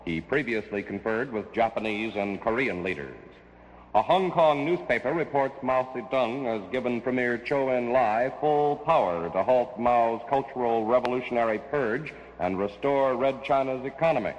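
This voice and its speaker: A man's voice: mid-range voice, normal speed, lo-fi sound, slight background noise. An American man delivering scripted 1960s network radio news as a newscaster. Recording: reverberant vintage radio broadcast.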